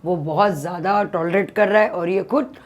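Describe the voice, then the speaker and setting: A woman teacher explaining a textbook story and its difficult words, clearing her throat often as she goes. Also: on the low side, normal speed.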